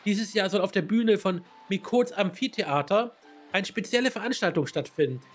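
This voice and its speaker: A man's voice: high-pitched, moderate pace, soft background music. Man reading as a worried female festival organizer. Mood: earnest.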